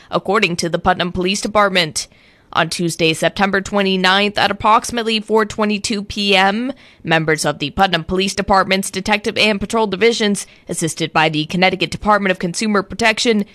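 Smooth radio newsreader woman, dry studio sound. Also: medium pitch, no echo. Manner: polished, even-paced read from script. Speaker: radio news reader. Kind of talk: smooth radio newscast delivery.

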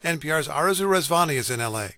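A man anchoring the news and introducing a report in a measured way. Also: a little high, expressive, pushed and bright, slight background noise.

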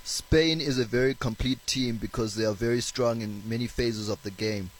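A man's voice: medium pitch, fairly even intonation, normal speed, poor audio. Man giving a translation voice-over. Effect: translation voice-over of a player's words. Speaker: interpreter.

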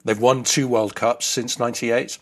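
A man's voice: mid-range voice, little pitch movement, normal speed. A man in his fifties who grew up in the Netherlands, explaining his views in a thoughtful way as an interview guest. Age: 50s.

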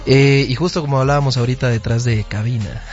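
A man's voice: medium pitch, fairly even intonation, fast. A young man speaks as a guest in a radio studio booth, with a mid-range voice and an easygoing, friendly manner. The broadcast sound is slightly dull, and faint music plays underneath. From Guatemala. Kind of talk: casual radio interview. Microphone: studio microphone.

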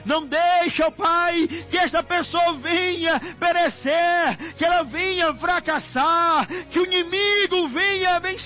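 A Brazilian man preaches a fervent, improvised intercessory prayer, pleading passionately and repeating his invocations. His very high, bright voice is forceful and unhurried, with few pauses. The muffled lo-fi recording has music playing beneath him.

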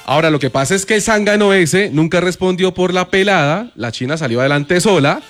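A Colombian man chats on a call-in radio show with music playing behind him. His voice is on the high side for a man, and his talk is loose, slangy and colloquial. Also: expressive, fairly quick, a bit bright. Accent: Colombian Spanish. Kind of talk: casual call-in show banter.

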